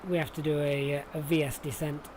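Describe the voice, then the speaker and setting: Streaming a flight simulator, this Yorkshire-accented man from Sheffield chats casually with viewers and thinks out loud. He speaks a little fast in a slightly high voice with little pitch movement, and the background noise is clearly audible.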